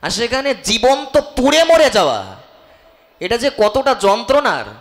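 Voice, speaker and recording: A man's voice: very high-pitched, very animated, fairly bright tone. A man giving an impassioned devotional sermon and leading the crowd in chanting. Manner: slow, impassioned, leads chanting. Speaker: preacher.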